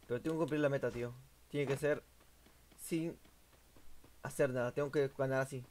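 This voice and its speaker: A young man, streaming a game and commentating live, excitable and swearing at the action. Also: mid-range voice, moderate pace, a little hiss or hum. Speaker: gaming streamer.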